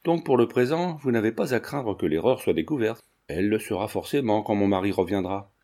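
A man's voice: on the low side, animated, brisk, mellow. A man reading the part of a proud young marquise, reproachful and indignant, in an audiobook. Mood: earnest. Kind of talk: audiobook character voice.

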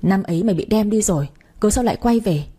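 A woman's voice: mid-range voice, expressive, fast, warm tone, slightly rough. A woman voicing a cruel, scheming female villain who sneers and hisses threats. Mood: sneering.

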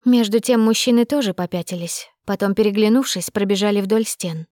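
A woman reading a first-person audiobook with expressive, measured storytelling. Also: medium pitch, no room sound, studio quality. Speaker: narrator.

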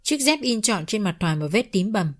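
A woman's voice: medium pitch, animated, a little fast, soft background music. A woman telling a family drama story in the first person as scripted narration.

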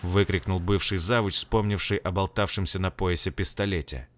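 Male narrator, fairly low voice, expressive audiobook reading, soft music behind. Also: moderate pace. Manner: expressive reading with acted dialogue.

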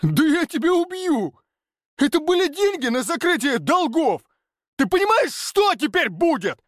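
A man's voice: sits high, expressive, a little fast, no room sound, studio quality, pitched above the performer's own voice. A man doing a raging, betrayed business partner. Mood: furious yelling. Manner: yelling, seething, trembling with fury.

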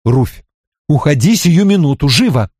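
A man's voice: a little high, very animated, moderate pace, warm tone, husky, dry recording, clean studio sound. A man reading an audiobook, voicing a tired farm mother who soothes yet stays firm. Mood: soothing, firm.

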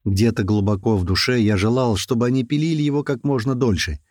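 Male narrator, mid-pitched, dry close-mic read, lively character switches. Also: quick pace, no room sound. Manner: lively, raising pitch and shouting for quoted characters. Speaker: audiobook narrator. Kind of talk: first-person audiobook narration with character voices.

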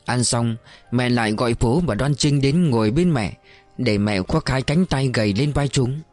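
A man narrating an audiobook in a steady, measured storytelling voice. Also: medium pitch, dry recording, faint music behind.

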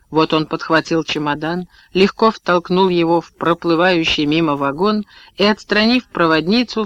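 Brief: male audiobook narrator, slightly high, steady, dry booth sound. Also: no room sound, highs cut off. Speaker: audiobook reader. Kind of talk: scripted narration.

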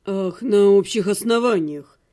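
A brooding, intense male necromancer, as a woman reader puts him on for an audiobook. His voice sits far below her own and sounds husky and set apart. He speaks slowly and heavily. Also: close to an everyday voice. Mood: cold measured. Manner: shouting in despair, then low and insistent. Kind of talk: audiobook character voice.

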